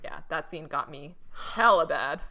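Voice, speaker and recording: A woman's voice: low voice, moderate pace. A young woman co-hosting a podcast, giggling as she retells scenes in a casual chat. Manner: giggly, animated retelling with quoted lines. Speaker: podcast co-host.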